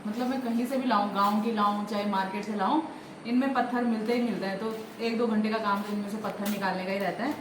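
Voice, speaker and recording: A woman's voice: medium pitch, steady tone, fast, noisy background. A young woman, chatting casually to her vlog audience, laughing often as she tells stories. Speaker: vlogger.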